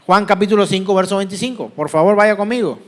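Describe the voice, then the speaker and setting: A man's voice: high-pitched, quick pace. A man with a Colombian Caribbean accent preaching a sermon as pastor, asking the congregation questions and answering them himself. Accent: Colombian Caribbean Spanish.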